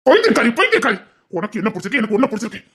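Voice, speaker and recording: An actor with a Tirunelveli Tamil accent playing a desperate young man who pleads with his lover, swinging from hushed pleas to shouting. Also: very high-pitched, wildly swooping pitch, racing, husky, full character voice. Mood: anguished shouting, then pleading. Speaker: actor in a romance drama. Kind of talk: emotional drama acting.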